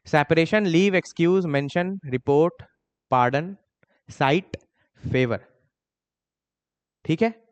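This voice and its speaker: A man with an Indian accent teaching an exam-prep grammar lesson. He reads English examples slowly and scolds students for their mistakes. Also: long reverb tail. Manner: scolding, mocks students' excuses in a higher voice.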